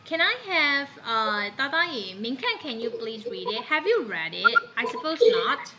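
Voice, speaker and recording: A woman from Myanmar teaches a class in a lively way, her voice a little high and a little slow, quizzing her students as she goes and dropping into Burmese now and then. The recording is lo-fi with background noise.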